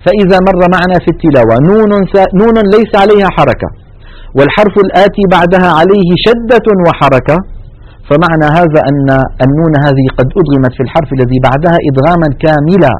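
A man giving a step-by-step lesson on Quran recitation rules, explaining each rule and then reciting its examples twice, slowly and drawn out. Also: a little high, no room sound, low-quality recording.

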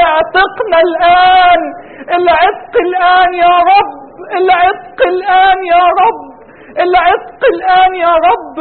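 A man preaching in an Egyptian Arabic accent, with impassioned and pleading delivery, moving from a sermon into a long supplication. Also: extremely high pitch. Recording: tinny phone-like sound with faint noise.

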